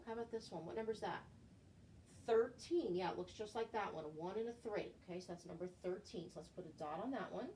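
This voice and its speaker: A middle-aged woman with a mellow, medium-pitched voice teaches small children in the manner of a kids show host. She asks simple guiding questions and repeats key words. It is recorded in a living room with clear background noise.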